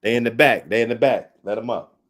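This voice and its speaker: A man's voice: mid-range voice, brisk, fairly bright tone. A man hosting a live call-in talk stream in casual chat, loose with slang and repeating his phrases to hype the room.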